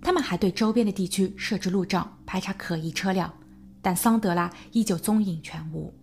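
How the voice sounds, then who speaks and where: A woman narrating a true crime podcast in a measured storytelling voice, building suspense as she goes. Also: mid-range voice, gravelly, a little mellow, husky. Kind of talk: scripted narration.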